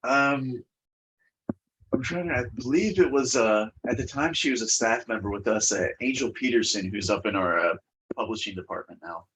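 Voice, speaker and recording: A man's voice: mid-range voice, moderate pace, a bit bright, a little hiss or hum, rough recording. A congested man giving a webinar presentation over a video call and answering questions, talking with many fillers and restarts.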